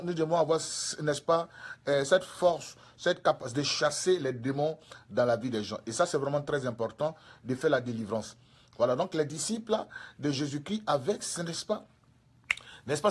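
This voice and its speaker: A man's voice: a little high, normal speed, breathy edge. A male preacher with an Ivorian French accent, giving a sermon full of repetition and tag questions.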